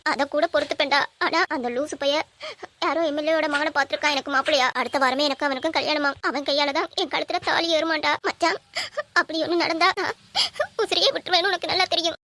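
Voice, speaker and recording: A woman's voice: high voice, fairly even intonation, racing, a bit bright, a little hiss or hum. A woman voicing a playful young woman in love who pleads and puts on tears. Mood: tearful. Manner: pleading, fake crying.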